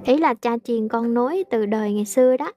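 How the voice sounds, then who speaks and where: A woman English teacher, translating aloud slowly in a casual lesson with frequent hesitations. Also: a little high, lo-fi sound.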